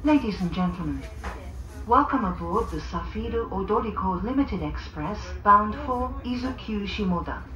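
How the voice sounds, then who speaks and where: Woman's slow train loudspeaker announcement. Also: mid-range voice, lively intonation, a little hiss or hum. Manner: polite, slow, carefully enunciated. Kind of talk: scripted onboard announcement. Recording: dull echoey loudspeaker sound.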